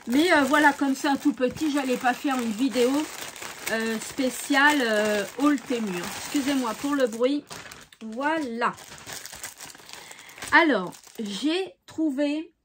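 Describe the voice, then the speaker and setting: Chatty high-voiced French woman vlogger. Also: takes it slowly, long pauses, a little hiss or hum. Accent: French regional. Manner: chatty, many fillers and "voilà"; cheerful and enthusiastic. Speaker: craft vlogger. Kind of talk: casual chat to viewers.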